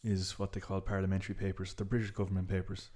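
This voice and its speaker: Man, low voice, podcast guest, explanatory, chuckling. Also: monotone, fast, a little mellow. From Ireland, south Galway. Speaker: guest historian. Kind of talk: casual podcast interview.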